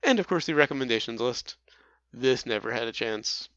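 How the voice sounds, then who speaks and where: A man's voice: mid-range voice, lively intonation, moderate pace, fairly bright tone, no room sound, dull audio. A man co-hosting a casual movie review podcast, chatty and prone to stumbling over his words. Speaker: podcast co-host.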